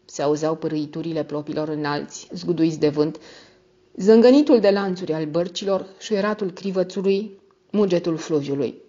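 Low-voiced woman narrating a classic novel. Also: mellow. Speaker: audiobook narrator. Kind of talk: scripted narration. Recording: dull lo-fi audio.

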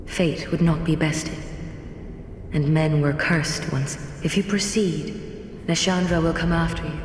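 Emerald Herald, a solemn, echoing game guide. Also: female voice, low voice, fairly even intonation, measured pace, darkish tone, slight background noise. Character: solemn created woman, calm guide. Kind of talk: video game dialogue. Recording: echoey game audio with long reverb.

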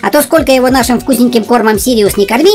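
A performer with a woman's-sounding voice playing a brash, teasing, excitable cartoon husky dog. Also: mid-range voice, quick pace, soft background music, natural voice.

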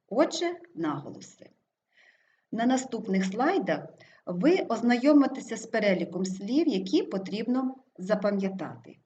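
A woman's voice: medium pitch, a little mellow, a little hiss or hum. A woman teacher reading a scripted lesson, sounding out each example word carefully to mark its stress. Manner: careful, stress-marking pronunciation of example words. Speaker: language teacher. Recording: roomy, slightly dull sound.

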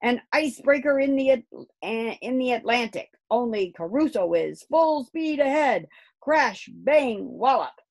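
A woman reading aloud and voicing an excitable, playful young boy who shouts his lines in a storybook. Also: mid-range voice, measured pace, pitched above the performer's own voice. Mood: excited.

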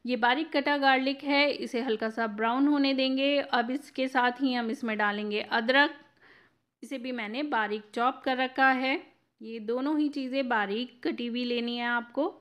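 Female cooking host, fairly high and crisp, instructive recipe voice-over. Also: steady tone, moderate pace, fairly bright tone. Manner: clear step-by-step instructive.

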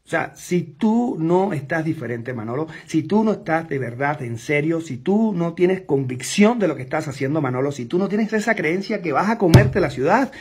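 A man's voice: fairly high pitch, animated, moderate pace, hardly any pauses, a little mellow, slightly rough. A man coaching his sales team in an intense, emphatic, repetitive motivational talk. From outside Mexico.

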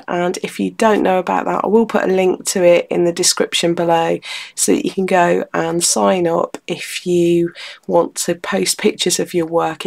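Brief: woman, low-ish voice, croaky and nasal from a cold, gravelly edges; friendly step-by-step craft tutor. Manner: chatty, friendly, explains step by step. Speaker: textile art tutor. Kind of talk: relaxed craft tutorial talk.

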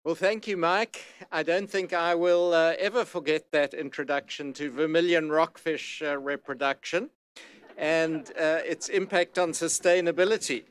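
A man's voice: a little high, fairly even intonation, moderate pace, smooth. A man giving hesitant ceremony remarks at an outdoor podium mic. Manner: hesitant, with fillers.

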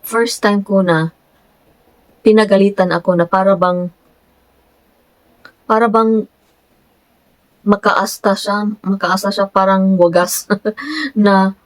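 A woman's voice: mid-range voice, slow, pauses often. A Filipino woman vlogger telling a story in casual Taglish, acting out the exchanges she quotes and growing indignant. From Philippines. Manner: mixes Tagalog and English, acts out quoted exchanges, grows indignant. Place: America.

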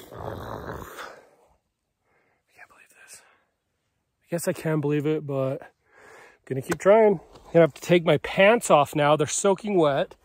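A man's voice: a little high, darkish tone. Wry man vlogging by a lake. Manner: wry, self-deprecating, talks to camera. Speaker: fishing vlogger. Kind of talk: casual outdoor vlog narration. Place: outdoors by a mountain lake.

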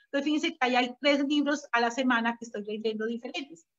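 A woman's voice: high voice, a little fast, fairly bright tone. A woman, a preschool teacher explaining her ideas in an interview and telling anecdotes from her classroom. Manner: explanatory, uses personal anecdotes. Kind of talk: conversational interview. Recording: dull lo-fi audio.

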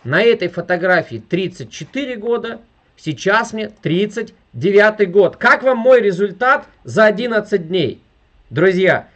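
Addressing his viewers again and again, the same network marketing presenter in his thirties delivers an emphatic video-call sales talk from a furnished room. His animated voice sits high at a measured pace, a bit bright, though the recording is muffled.

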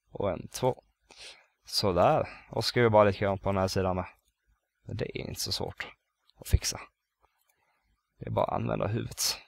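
With a lowish, gravelly voice and no echo, a let's play gamer narrates his gameplay in a casual way. He mutters counts under his breath and reasons aloud as he builds, occasionally breaking into loud bursts of excitement.

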